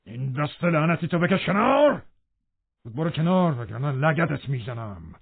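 A man's voice: mid-range voice, lively intonation. A man reading aloud, voicing a cruel, domineering man who speaks harshly and with scorn in an audiobook. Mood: furious. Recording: narrow phone-like band.

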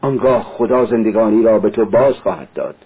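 A man voicing an anguished, devout young woman who cries out and pleads in a high voice. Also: slightly rough. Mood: pleading. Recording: narrow lo-fi radio-like sound.

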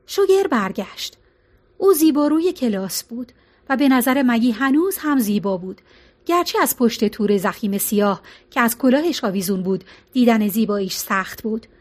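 High-voiced woman narrating a novel. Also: lively intonation. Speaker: audiobook narrator.

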